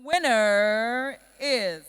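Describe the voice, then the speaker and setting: A woman hosting a live awards night, announcing with a suspenseful presenter's build-up and drawn-out phrases. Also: fairly high pitch, fairly bright tone, slight background noise. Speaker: awards ceremony host. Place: large event hall on a PA system. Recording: echoey hall PA, music behind.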